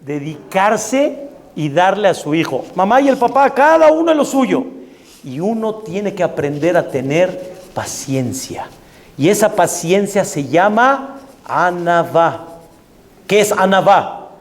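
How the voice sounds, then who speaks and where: Male rabbi, emphatic sermon delivery with rhetorical questions, slightly high voice, long hall reverb. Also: very animated, slow pace.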